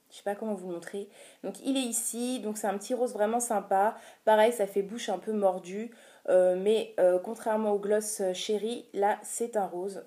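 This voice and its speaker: A woman's voice: mid-range voice, dark tone. A woman casually talking through a beauty haul vlog, chatty and hesitant, with many filler sounds. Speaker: beauty vlogger.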